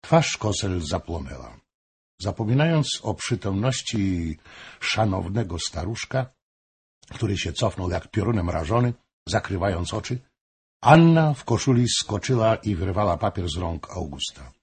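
Slow, husky male narrator. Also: deep voice. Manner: measured, even storytelling. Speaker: audiobook narrator. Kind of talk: scripted narration of a historical novel.

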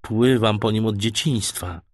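A man voicing a calm, self-assured shipwrecked sailor in an audiobook. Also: on the low side, unhurried, no echo, studio quality. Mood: steady.

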